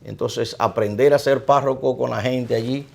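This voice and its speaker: Gravelly-voiced Dominican priest. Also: male voice, mid-range voice, steady tone. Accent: Dominican Spanish. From Dominican Republic. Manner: measured, reflective recounting. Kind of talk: interview.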